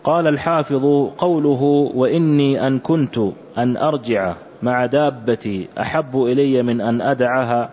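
A man reading aloud a classical religious commentary for a teacher, in a measured, careful recitation. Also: mid-range voice, darkish tone. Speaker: student reading the text aloud. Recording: dull lo-fi recording.

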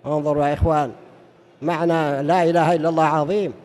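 High-voiced Arabic-speaking preacher, exhorting. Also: male voice, flat delivery, quick pace, darkish tone. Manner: storytelling with acted quotes, exhorting listeners. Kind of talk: sermon.

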